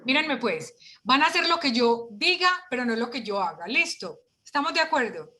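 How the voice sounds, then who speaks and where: A woman leading an online workshop for parents, lively and full of rhetorical questions, heard over a video call. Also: a little high, moderate pace.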